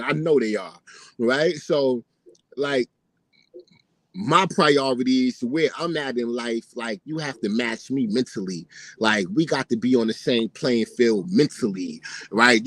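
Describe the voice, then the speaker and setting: A man's voice: medium pitch, no room sound, poor audio. A man in his late thirties rants bluntly and casually, swearing often and tagging nearly every point with "right?". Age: 30s. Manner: profane, repeats himself when pressed. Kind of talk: casual ranting monologue.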